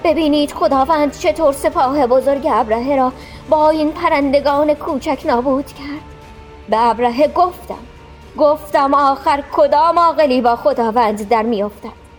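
A woman voicing a dignified old man elder who speaks calmly and steadily in a storybook. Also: sits high, soft background music, pitched above the performer's own voice, lightly acted. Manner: calm, steady, faithful.

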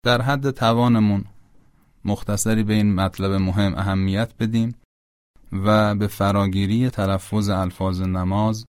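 A man teaching a spoken religious lesson, formal and measured, explaining patiently with examples. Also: on the low side, fairly even intonation, a little mellow, smooth, no room sound, studio quality. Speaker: religious instructor. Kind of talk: spoken lesson on prayer pronunciation.

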